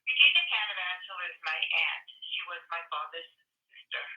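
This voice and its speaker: A woman's voice: on the low side, animated, moderate pace. An older woman heard over the phone, giving brief, matter-of-fact answers to an interview. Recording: muffled, distant phone line with echo.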